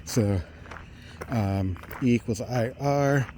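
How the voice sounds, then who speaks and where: A middle-aged man thinks aloud in a halting technical monologue while walking outdoors along a road. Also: mid-range voice, darkish tone. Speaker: vlogger. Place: outdoors on a residential roadside. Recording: outdoor street noise, passing vehicles.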